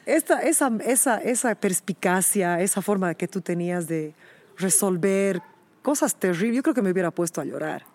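A woman's voice: lowish voice, expressive, moderate pace, a little mellow. A woman interviewing her former teacher, asking affectionate, coaxing questions in a casual chat.

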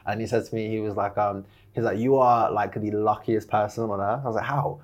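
Young man, low voice, chatty storyteller, lots of fillers. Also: brisk. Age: young adult. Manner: animated storyteller, many fillers, laughs while telling. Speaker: guest, video production founder. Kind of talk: casual storytelling interview.

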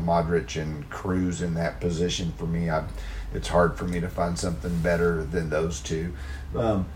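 A man with a low, gravelly, worn voice hosting a casual gaming podcast solo, in a meandering, self-deprecating way. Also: darkish tone. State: voice worn from talking over crowds of children. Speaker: podcast host. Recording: noticeable background noise.

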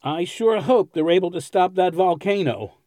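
A chatty, wry resort neighbor, played by a man in an audio drama. His voice sits fairly high and moves around a lot, recorded dry and close. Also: expressive, moderate pace, mellow, no echo.

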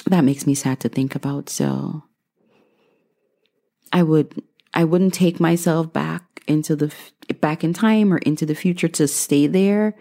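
A woman's voice: low-pitched, unhurried, gravelly, warm tone. A woman in her thirties from Guyana, answering questions in a casual vlog with a reflective, dry sense of humor. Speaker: vlogger.

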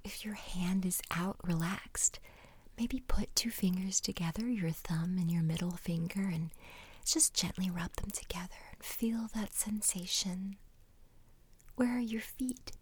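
A woman guiding a relaxation exercise in a soft, soothing ASMR whisper, breathy and gentle, close to the microphone. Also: on the low side. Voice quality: breathy, unvoiced. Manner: slow, unhurried instructing with pauses.

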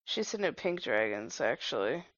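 A woman's voice: very deep voice, very animated, moderate pace, fairly bright tone, dry recording, highs cut off. A woman chatting casually over a film, blunt and teasing as she comments. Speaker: movie reaction commentator. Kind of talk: casual film-watching chat.

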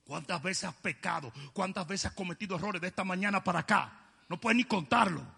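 A male preacher giving an emphatic sermon, often shouting and joking with the congregation. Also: high-pitched, a little fast, vocal fry, slightly rough, in a large hall.

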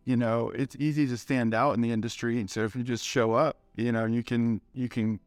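This middle-aged man talks briskly with fairly even intonation in a medium-pitched voice, with no room sound. He's an interview guest recounting his cannabis industry career through casual anecdotes, laid-back and stoner-ish, swearing and using lots of slang.

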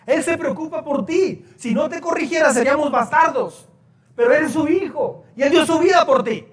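High-voiced preacher in an echoey hall. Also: male voice, moderate pace. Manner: conversational preaching, quizzing the congregation. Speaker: pastor. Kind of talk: sermon. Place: church hall. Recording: echoey hall, poor audio.

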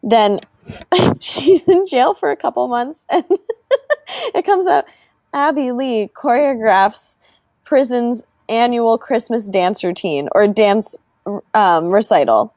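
A woman's voice: a little high, takes it slowly, a little mellow, dry recording, studio quality. A woman in her twenties, co-hosting a casual chat and telling stories with frequent laughter. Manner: giggly storyteller, laughs often. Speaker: podcast co-host.

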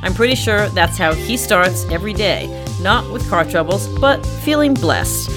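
A woman hosting a podcast, reading a scripted introduction and then interviewing her guest with soft acknowledgements. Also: mid-range voice, lively intonation, normal speed, over music. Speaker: podcast host.

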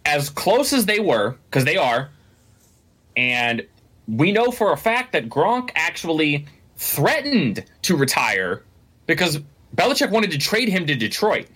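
Man, sports podcast co-host, casual chat, rambling, swears a lot, bright forceful tone. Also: a little high, measured pace, slightly rough. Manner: animated, swears freely, rambling with restarts. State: has the hiccups.

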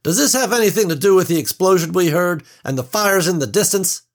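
A man voicing a portly, pushy middle-aged passenger who demands answers loudly. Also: high-pitched, lively intonation, a little fast, pitched above the performer's own voice. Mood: indignant. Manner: loud, demanding.

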